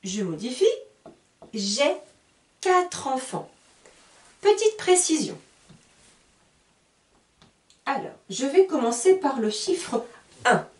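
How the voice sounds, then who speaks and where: A woman teaching beginner French spells out words letter by letter and patiently repeats her examples. Her high, slightly mellow voice swings widely in pitch, moving slowly with long pauses, and the recording sounds roomy, with her set back from the mic.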